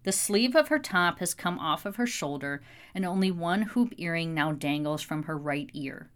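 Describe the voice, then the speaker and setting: A woman reading an audiobook in steady scripted narration. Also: on the low side, normal speed.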